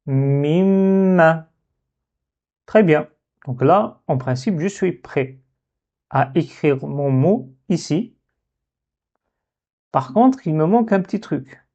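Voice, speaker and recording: A man teaching a lesson on Arabic letters, slowly thinking aloud as he works through a dictation exercise. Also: on the high side, mellow. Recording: dull lo-fi sound.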